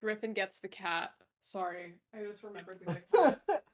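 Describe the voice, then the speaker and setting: A woman in casual post-game chat, animated and quick to laugh and swear. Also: mid-range voice, dry recording, clean studio sound. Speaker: tabletop game player.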